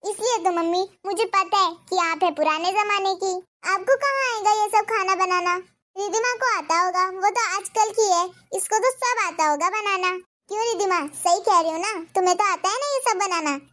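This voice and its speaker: A woman's voice: extremely high pitch, normal speed, fairly bright tone. A woman voicing a spoiled, scheming young wife in a Hindi cartoon, bossy and boastful.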